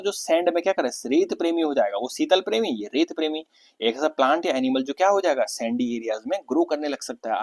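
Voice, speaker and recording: A man's voice: medium pitch, darkish tone. A man, teaching an exam-prep vocabulary lesson in Hindi mixed with terms, asking questions and answering them himself while repeating key words.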